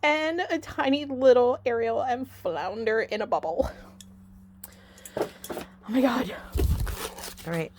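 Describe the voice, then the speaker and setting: A woman vlogger chatting casually through an unboxing in her home office, gushing and excitable, with lots of "um"s. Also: on the high side, slow, pauses often, a little hiss or hum. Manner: gushing and excitable, many fillers.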